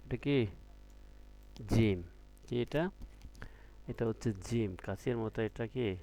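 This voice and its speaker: In an online Quran reading class, a man with a medium-pitched, dark voice patiently teaches Arabic letters, drilling students with repeated questions and drawing out each letter sound as he demonstrates. A slight hiss or hum sits under the audio.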